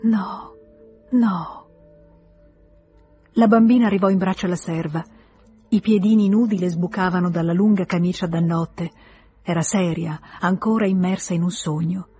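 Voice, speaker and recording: A woman narrating a literary audiobook in a measured, expressive storytelling manner. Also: fairly low pitch, soft background music.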